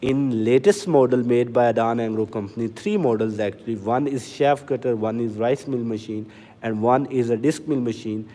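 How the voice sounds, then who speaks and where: A man talks slowly and earnestly on a livestream, answering viewers one by one. His voice sits mid-range with a dark, mellow tone, and a long reverb trails behind him. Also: mid-range voice, steady tone. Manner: deliberately slow, earnest, reads out comments. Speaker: livestream sales host for farm machinery. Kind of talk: casual livestream talk to viewers. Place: inside a factory or showroom.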